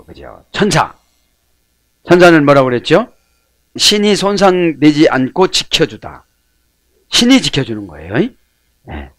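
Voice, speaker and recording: A man's voice: fairly high pitch, no room sound. A male pastor preaching a sermon, prodding listeners with rhetorical questions.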